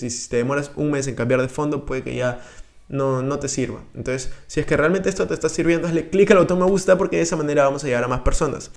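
A young man talks straight to the camera, coaching viewers on their money. His delivery is energetic and urging, full of gestures, at a middle pitch. He sits close to a boom-mounted studio mic in a small room. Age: young adult. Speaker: personal finance YouTuber. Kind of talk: direct-to-camera finance advice. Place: small room indoors, seated on a couch. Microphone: studio mic on a boom arm in front of him.

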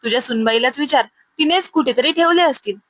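A woman's voice: sits high, fast, fairly bright tone, slight background noise. Woman voicing a sly, whining sister. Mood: whiny. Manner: whining, accusing. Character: sly young married sister, tearful and blaming.

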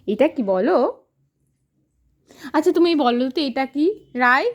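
A woman's voice: sits high, expressive, takes it slowly. A mother teaching her toddler words in a home video, coaxing with sing-song questions and praise.

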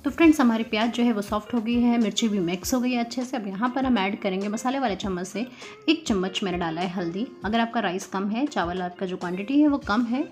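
A woman's voice: medium pitch, quick pace, a little mellow, soft background music. A woman hosting a home cooking tutorial, talking viewers through each step in a friendly, chatty way. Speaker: cooking channel host.

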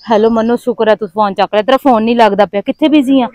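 In a village family drama, a young adult woman plays a lovesick college girl, pushily pleading with her friends for help. Her voice is a little high, rapid-fire and warm, close to everyday speech, on a dry recording.

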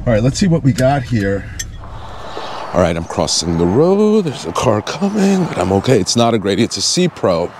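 A man's voice: medium pitch, big pitch swings, moderate pace, noisy background. A man with a Long Island accent, casually explaining used boats as he walks around them and drives, talking in a conversational, hands-on way. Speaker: fishing boat vlogger. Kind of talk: casual walkaround commentary. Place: outdoors by the road and driving a car.

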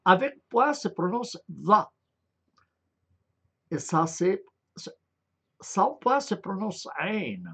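Male lecturer, very slow and halting, gravelly, pitch wanders widely, explains step by step. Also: lively intonation, fairly bright tone. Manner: hesitant, frequent filler sounds and restarts; spells out letter sounds one by one. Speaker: lecturer on Arabic script.

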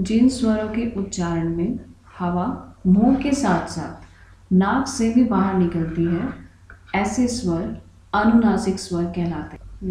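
A woman's voice: medium pitch, mellow. A woman teaching a grammar lesson for exam preparation, explaining patiently and spelling out each example. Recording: very echoey room.

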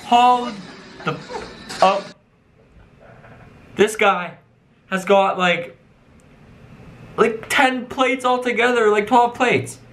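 A man's voice: very high-pitched, steady tone, very slow, pauses often, a bit bright, slight background noise, rough recording. A young man in a small room, casually reacting to clips on webcam, laughing a lot and exclaiming in disbelief. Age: young adult. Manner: keeps exclaiming "what?" with frequent laughter.

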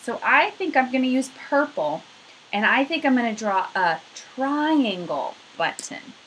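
A woman's voice: high voice, lively intonation, measured pace, a bit bright, a little hiss or hum, low-quality recording. A woman in her thirties leading a craft activity for young children, talking to them directly in an encouraging way, recorded on a webcam at home. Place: small furnished room at home, indoors.

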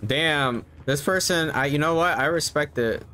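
A man's voice: on the high side, moderate pace, sharp tone. A man in his thirties giving casual live gameplay commentary, easygoing and musing to himself as he plays. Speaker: game streamer. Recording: clear background game noise. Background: game ambience.

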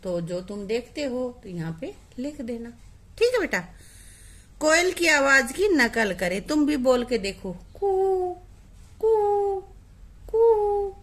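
Young woman teacher, slow and patient, voice swings up and down a lot, keeps asking kids questions. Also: sing-song, fairly bright tone. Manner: patient, coaxing, asks and answers her own questions; mimics the cuckoo's call in a high voice. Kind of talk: children's Hindi lesson.

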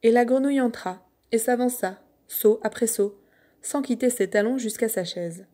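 A woman reading a fairy tale aloud in steady, expressive storybook narration. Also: a little high, moderate pace.

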